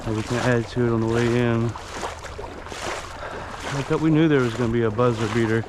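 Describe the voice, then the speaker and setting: A man talks casually to viewers as host of an outdoor vlog. His voice sits at a middle pitch and his way of talking is folksy and easygoing. There is light outdoor noise in the recording. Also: fairly even intonation, moderate pace. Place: outdoors, by water and at home. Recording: outdoor noise, water sounds.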